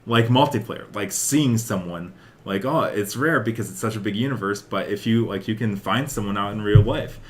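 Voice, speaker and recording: The podcast host is a young man whose voice has a fairly low pitch and normal speed. He talks casually about video game news, rambling along with lots of filler words, especially "like" and "uh."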